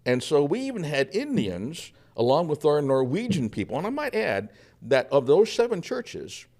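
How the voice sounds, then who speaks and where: A man's voice: on the high side, very animated, moderate pace, a little mellow. A man playing a humble 1800s Norwegian pioneer pastor. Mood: amused recounting. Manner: folksy storytelling with frequent uh fillers and chuckles. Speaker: guest, historical reenactor. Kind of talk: first-person historical character portrayal.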